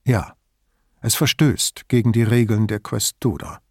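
Man reading an older male commissioner, calm, wry, dry close sound, audiobook. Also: on the low side, measured pace, dry recording. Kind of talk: audiobook character voice.

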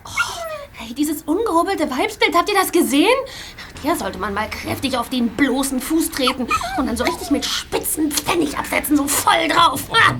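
A woman's voice: high-pitched, normal speed, background noise. An actress playing a spirited teenage girl detective who is fond of her dog. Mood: indignant. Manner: indignant, lively. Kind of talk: radio play acting.

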